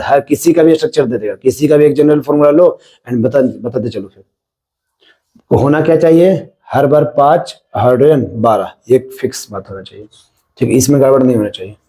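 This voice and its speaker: Mellow-voiced Indian man teaching chemistry. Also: medium pitch, a little fast, poor audio. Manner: explains step by step, often checking "है ना?". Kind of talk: classroom-style lecture.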